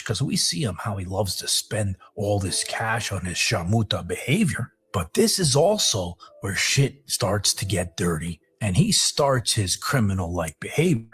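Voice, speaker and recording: A man hosting a live stream, telling the story with animated, profane commentary. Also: fairly high pitch. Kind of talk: commentary on a played clip.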